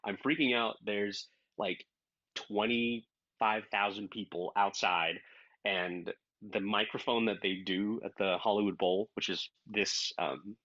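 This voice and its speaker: Male voice actor guest, lively storyteller, low voice, muffled dry line. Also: slow pace, no echo. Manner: animated, acts out quoted dialogue. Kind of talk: casual interview storytelling. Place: based in Los Angeles.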